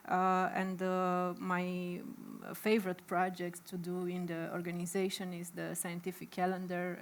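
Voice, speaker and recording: A woman's voice: on the low side, creaky, a little hiss or hum. Romanian-accented woman, hesitant panel speaker. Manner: hesitant, many fillers, slightly nervous. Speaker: panelist for a humanist association. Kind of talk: panel discussion.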